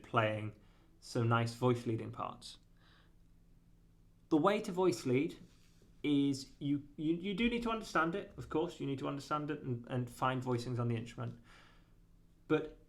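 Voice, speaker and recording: Guy talking through a guitar lesson, lots of ums and restarts, mid-pitched voice. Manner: rambling, self-correcting, hesitant with fillers. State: has the hiccups. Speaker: guitar teacher. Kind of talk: casual spoken lesson.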